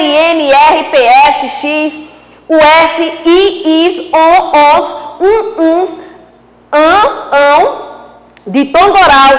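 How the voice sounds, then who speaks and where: A female teacher giving an online school lesson with a Brazilian Portuguese accent, explaining slowly and speaking directly to her pupils. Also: extremely high pitch, a bit bright, roomy sound, long reverb tail, poor audio.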